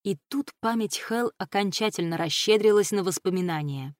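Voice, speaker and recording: A woman's voice: mid-range voice, normal speed, dry recording. Woman narrating an audiobook, dry close sound. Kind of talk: scripted narration of a fantasy novel.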